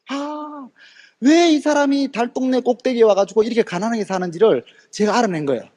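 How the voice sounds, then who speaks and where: Fiery high-voiced man telling a story. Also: breathy edge. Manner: fiery, animated, acts out quoted people; addresses audience directly with rhetorical questions. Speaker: direct sales motivational speaker. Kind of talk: motivational seminar storytelling.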